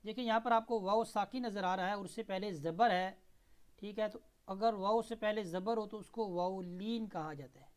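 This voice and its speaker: A man teaching Tajweed, spelling out and reciting verses slowly syllable by syllable, then explaining the rules in brisk asides. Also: high voice, smooth. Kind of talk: Tajweed lesson with slow recitation.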